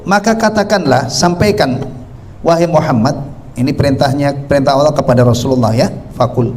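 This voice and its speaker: A man's voice: a little high, a little mellow, a little hiss or hum. A man from Central Java, Indonesia, teaching a mosque study session in a conversational way, often asking the audience questions. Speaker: Islamic teacher.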